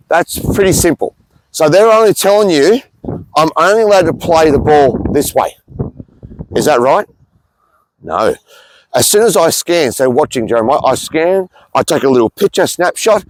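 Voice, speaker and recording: Football coach barking brisk drill calls. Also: male voice, on the high side. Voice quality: brisk, clipped shouted commands between calm explanations. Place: outdoor sports field on a windy day. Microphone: camera mic on the field. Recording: wind and outdoor noise on camera mic.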